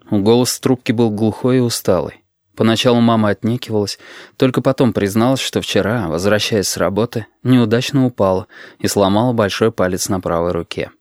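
A man reading an audiobook in a measured, even storytelling manner. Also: on the low side, no room sound, clean studio sound. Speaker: audiobook narrator. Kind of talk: scripted narration.

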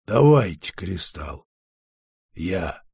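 A man doing a gravelly, hushed wary scientist. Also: low-pitched, very animated, extremely slow, no room sound, studio quality, pitched below the performer's own voice, full character voice. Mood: resolute. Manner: cautious, quiet. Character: wary male scientist, hero.

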